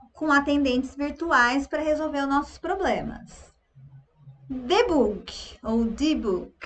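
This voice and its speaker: Brazilian female English teacher, high-pitched and slow-paced, repeats each word patiently. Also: a bit bright, a little hiss or hum. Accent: Brazilian Portuguese. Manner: drills pronunciation, repeating words slowly. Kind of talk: online language lesson.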